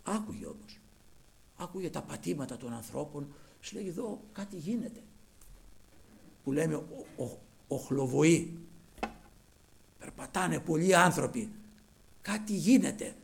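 Gravelly guy giving a sermon, high pitched, goes quiet then calls out. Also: animated, pauses often. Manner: swings from low murmurs to loud calls; acts out the voices of the story. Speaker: preacher.

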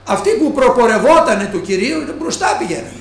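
A man preaching a sermon who slows down and stresses each quoted line of scripture. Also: extremely high pitch, lively intonation. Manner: slow, stressed quoting of scripture. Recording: echoey room.

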